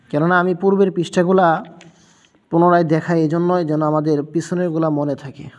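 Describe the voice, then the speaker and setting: Man, patient reading teacher, spells out sounds slowly, fairly high voice, long reverb. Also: creaky, darkish tone, dull audio. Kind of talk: step-by-step reading lesson.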